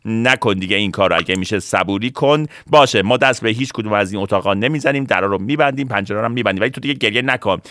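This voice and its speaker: A man's voice: lowish voice, few pauses, bright, forceful tone, no room sound, clean studio sound. A man telling an acted children's story, speaking in a soothing, coaxing, patient way.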